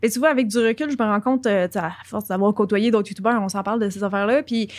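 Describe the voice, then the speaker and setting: A woman from Quebec with a Québécois French accent, a guest chatting casually on a podcast, talkative and quick to laugh. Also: mid-range voice. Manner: chatty, laughs often, fillers like "tu sais" and "mettons". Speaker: guest, content creator.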